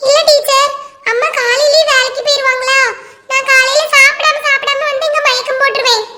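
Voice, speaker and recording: A meek little schoolgirl with a Kanyakumari accent apologetically explains herself in a very high, bright voice, as a woman puts her on. She sounds like a cartoon child. The voice is clear and childlike. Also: level tone, fairly quick, long reverb tail. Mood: apologetic. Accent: Kanyakumari Tamil.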